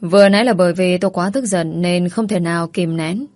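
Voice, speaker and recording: Low-voiced woman narrating a romance story. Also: fairly quick, darkish tone, dry recording, soft background music. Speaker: audiobook narrator.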